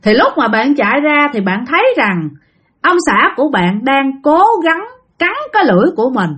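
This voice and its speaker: A woman with a Southern Vietnamese accent narrating a ghost story to her listeners. Her voice sits fairly high and swings widely in pitch as she retells each scene with animation. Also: very animated, normal speed, a bit bright, slightly rough.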